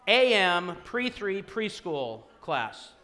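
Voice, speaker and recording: A man acting as master of ceremonies at a live fundraiser auction, announcing items haltingly and slipping in dry jokes. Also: high-pitched, sing-song, pushed and bright. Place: event hall, live before an audience.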